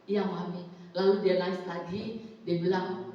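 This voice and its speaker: A woman's voice: fairly low pitch, little pitch movement, moderate pace, slight background noise. A woman giving an earnest, emotional testimony in a church service, retelling stories and quoting her own advice. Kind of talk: sermon testimony. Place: church hall. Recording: echoey distant hall, muffled.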